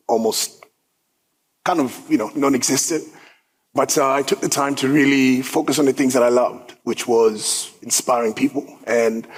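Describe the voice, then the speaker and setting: A man's voice: mid-range voice, breathy edge, poor audio. A man in his thirties from South Sudan, giving an upbeat, conversational talk about his own story at an event, with plenty of filler words. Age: 30s. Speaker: guest speaker. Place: event hall.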